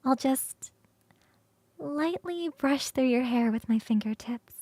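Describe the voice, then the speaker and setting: In a dry recording, a woman uses an exaggerated high voice to play a playful, hungry, cuddly young succubus roommate who is affectionate and teasing. The ASMR roleplay is soft and intimate, with coaxing, sighing and drawn-out savouring that shifts into soft whispers.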